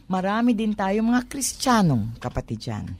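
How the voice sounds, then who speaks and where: A woman's voice: mid-range voice, very animated, moderate pace, darkish tone. A woman with a Manila Tagalog accent explains conversationally on a talk program, posing rhetorical questions and switching between Tagalog and English. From Manila, Philippines.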